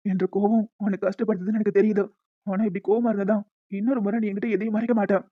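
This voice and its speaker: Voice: medium pitch, little pitch movement, rapid-fire, no room sound, close to an everyday voice. A performer playing a stern but tender young husband in an audio romance drama. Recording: dull dry lo-fi recording.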